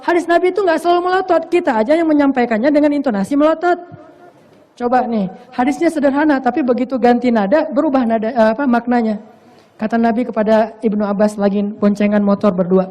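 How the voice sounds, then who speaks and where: A man's voice: very high voice, quick pace, a little mellow. A man giving a casual, humorous sermon in a playful, slangy way. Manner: playful, slangy, acts out quoted voices. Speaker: preacher.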